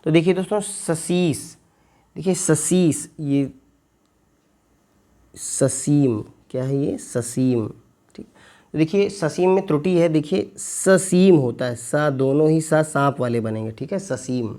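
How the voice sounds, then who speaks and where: A male teacher working through an exam paper, repeating words slowly to spell them out and asking his viewers questions. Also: a little high, expressive, warm tone. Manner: slow, stretched repetition of words to spell them out; addresses viewers as friends, asks them questions. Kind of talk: exam paper walkthrough lesson.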